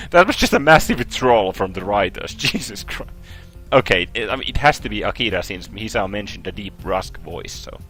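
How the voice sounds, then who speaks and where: A young man casually commenting while playing a visual novel, excitable and swearing often. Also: on the low side, moderate pace, few pauses, soft background music, poor audio. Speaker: let's play host.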